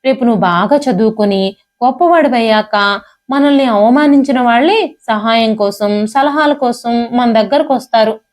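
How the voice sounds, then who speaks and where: Brief: woman reader as a dignified, gentle mother, calm and consoling, a touch softer and lower. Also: moderate pace, lightly acted. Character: patient, dignified widowed mother, gentle and wise.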